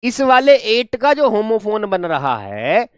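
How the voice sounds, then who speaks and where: A man's voice: high voice, huge pitch swings, takes it slowly, clean tone, no echo, clean studio sound. A man teaching an online English class, mixing Hindi and English, spelling words out letter by letter and scolding students playfully. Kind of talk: online class lecture in Hinglish.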